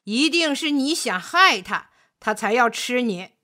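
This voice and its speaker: A woman's voice: on the high side, expressive, unhurried, sharp tone. Woman playing a shrewd old farmer. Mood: skeptical. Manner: skeptical, firm.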